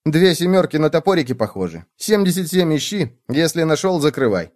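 A friendly, sensible gopher, voiced by a man in a children's storybook. He explains things in a slightly raised, lively voice. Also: on the high side, fairly quick, voice pushed up. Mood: explaining.

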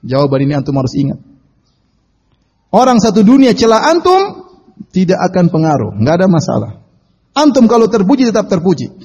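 Lively male preacher in a reverberant hall. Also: high-pitched, fairly quick, pauses often, breathy edge. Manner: lively storytelling, shouts quoted lines. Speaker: Islamic preacher. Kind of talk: Quran study lecture. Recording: dull audio with long reverb.

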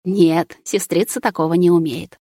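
Woman doing a cold ancient guy, clipped and bossy, lowish voice, dry sound. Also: fairly even intonation, moderate pace, warm tone, no echo, close to an everyday voice. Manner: icy, clipped, commanding. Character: cold, menacing ancient male being.

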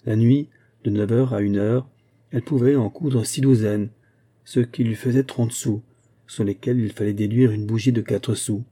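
Dark husky male audiobook narrator. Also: lowish voice, steady tone. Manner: measured, literary. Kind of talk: scripted narration of a classic novel.

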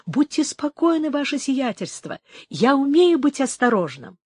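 A woman voicing an eager, helpful male priest who speaks in a brisk, raised and reassuring way, in a storybook reading. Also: high-pitched, big pitch swings, darkish tone, dry recording, clean studio sound, pitched above the performer's own voice.

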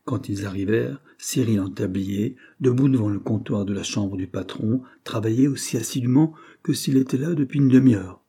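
A man narrating a classic novel as an audiobook, steady and measured. His voice is low, mellow and somewhat husky. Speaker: audiobook reader. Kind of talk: scripted narration.

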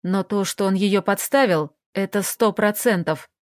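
A woman's voice: mid-range voice, a little slow, no echo, clean studio sound, lightly acted. A woman reading an audiobook, voicing a blunt, coarse, pushy man in an offhand manner.

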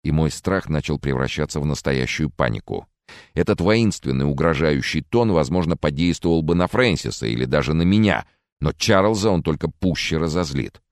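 Deep male audiobook reader, lively and expressive, dry close sound. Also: moderate pace, no room sound. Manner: expressive reading. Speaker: audiobook narrator. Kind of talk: first-person thriller narration.

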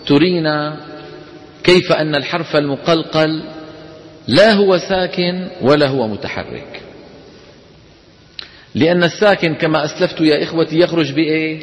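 Levantine man teaching in an echoing hall. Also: a little high. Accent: Levantine Arabic. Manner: asks the class questions and answers them himself; demonstrates letter sounds aloud for students to repeat. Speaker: Quran recitation teacher. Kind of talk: classroom lecture.

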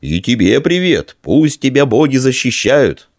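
A man plays a sturdy thirteen-year-old boy with a deep, bass voice. He sounds sleepy and gruff, keeping his answers short. It is a storybook reading in a dry recording. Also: very animated, no room sound. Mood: calm. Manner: slow, gruff, laconic.

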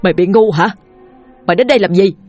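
A woman voicing a blunt, gruff middle-aged father who scolds and swears harshly in a storybook reading. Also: deep voice, fairly quick, a little mellow, soft background music.

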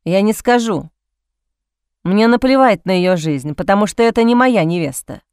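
A woman reading an audiobook, voicing a defiant young man held captive, speaking hoarse and strained. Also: medium pitch, expressive, normal speed, darkish tone, dry recording, studio quality, close to an everyday voice.

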